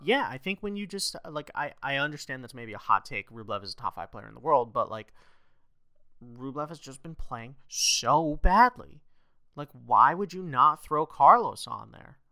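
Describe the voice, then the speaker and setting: A bright, crisp-voiced young man co-hosting a podcast. He talks fast and excitably, filling his lines with "like" and breaking into laughs. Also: medium pitch, no echo. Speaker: podcast co-host. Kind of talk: casual podcast chat.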